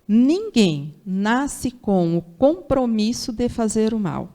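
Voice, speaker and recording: A woman from Brazil lectures at a Sunday spiritual gathering in a fairly high, mellow voice, with an interior São Paulo accent. She talks conversationally and keeps putting rhetorical questions to her listeners. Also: very animated, slow. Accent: São Paulo interior Brazilian Portuguese.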